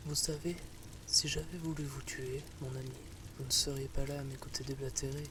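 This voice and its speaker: A man voicing a friendly, gently mocking reptilian adventurer in a fantasy story, with a soft, sibilant hiss and a calm, courteous manner. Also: mid-range voice, fairly quick, lightly acted. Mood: calm, reassuring. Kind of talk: fantasy audio story character acting.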